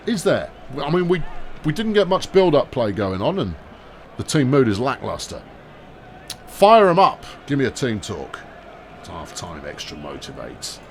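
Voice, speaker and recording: A man gives dry, sarcastic commentary on a football management game. His voice has a gravelly edge and swings widely in pitch. A faint noise sits in the background. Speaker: gaming commentator. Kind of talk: casual gameplay commentary.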